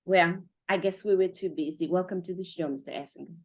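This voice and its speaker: Interviewing a guest on her podcast, this host gushes and chats freely, dropping "you know" again and again. She has a lowish voice and talks a little fast.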